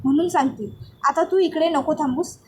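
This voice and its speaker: A woman's voice: high-pitched, normal speed, a little hiss or hum, lightly acted. Woman doing a firm, caring sister-in-law. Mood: soothing. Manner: firm, then soothing.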